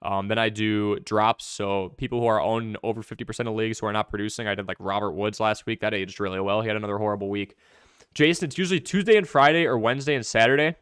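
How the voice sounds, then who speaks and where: Young man, live stream host, quick chatty Q&A, low-pitched, dry close sound. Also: a bit bright, clean tone, no room sound. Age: young adult. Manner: fast, chatty, answers viewer questions. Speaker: fantasy football streamer.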